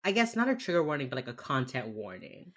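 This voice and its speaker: An American woman with a Miami accent, co-hosting a casual podcast chat in an informal, sweary, halting way. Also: extremely low pitch, very animated. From United States. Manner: informal, sweary, halting with many filler phrases. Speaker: podcast co-host.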